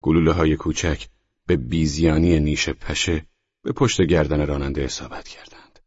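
Man, audiobook narrator, extremely deep, dry close sound, slightly dull audio. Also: steady tone, darkish tone, breathy edge, dry recording. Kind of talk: scripted narration.

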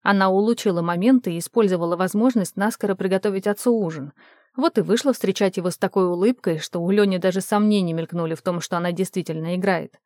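A woman narrating an audiobook in a measured, even manner. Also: on the low side, no room sound, clean studio sound. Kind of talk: audiobook reading.

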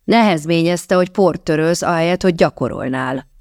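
A woman's voice: lowish voice, darkish tone, no echo, studio quality, lightly acted. A woman voicing a stern older aunt who keeps house, scolding and giving firm commands.

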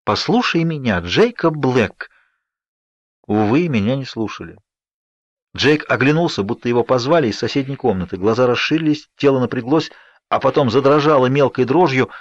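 A man narrating a first-person novel in a steady, measured reading. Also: medium pitch, dry recording. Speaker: audiobook narrator. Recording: dry, slightly dull audiobook recording.

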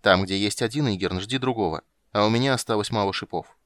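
A man's voice: lowish voice, fast, a bit bright, no room sound, studio quality, close to an everyday voice. A man putting on a haughty dryad archer. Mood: wary. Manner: curt, haughty, clipped replies. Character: proud fierce young female dryad archer.

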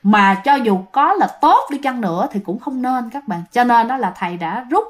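A young woman with a Southern Vietnamese accent narrates a ghost story in a loose, conversational way. Her voice sits a little high, and she fills pauses and repeats words to build suspense. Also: animated. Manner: chatty, many fillers, repeats words for suspense. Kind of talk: casual spoken storytelling to listeners.

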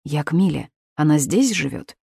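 A woman voicing a shaken young man who speaks in a halting, grave way. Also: low voice, expressive, creaky, dark tone, husky, no echo, studio quality, heavily acted. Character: shaken young man bearing bad news.

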